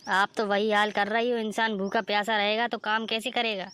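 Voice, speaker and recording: A woman's voice: mid-range voice, flat delivery, moderate pace, a bit bright, clean tone, natural voice. A woman voicing a kind, supportive young sister-in-law in a cartoon story. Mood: reassuring. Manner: reassuring, kind.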